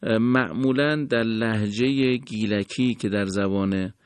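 A man teaching Quran recitation on a radio lesson programme, speaking in a formal, polite and measured way. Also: lowish voice, clear, resonant tone.

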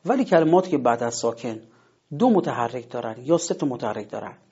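A man's voice: mid-range voice, big pitch swings, a little mellow, breathy edge. A man teaching word stress in a spoken lesson, explaining patiently step by step and saying example words aloud. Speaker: Quran recitation teacher. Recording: dull lo-fi recording.

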